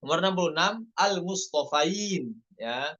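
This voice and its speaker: A man teaching Quran recitation rules in an online lesson, explaining each rule and then reciting the examples slowly. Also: fairly high pitch, animated, sharp tone, dull audio. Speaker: tajwid teacher.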